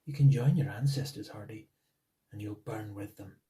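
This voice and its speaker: A man voicing a small, eerie Scottish man who speaks quietly with a soft, menacing manner. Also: fairly low pitch, normal speed, distant mic, close to an everyday voice.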